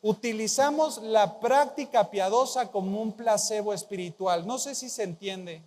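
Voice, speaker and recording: A man's voice: high-pitched, moderate pace, a little mellow, long reverb tail. A man preaching a sermon as pastor, emphatic, repeating key phrases and prompting the congregation to answer. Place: large church hall.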